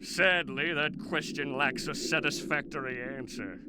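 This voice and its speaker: Tiny high-pitched scheming cartoon villain, Plankton, acted by a man. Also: a little slow, noisy background, natural voice. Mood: gloating, theatrical. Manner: theatrical, smug, verbose. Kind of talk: cartoon video game villain monologue. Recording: loud music behind the voice.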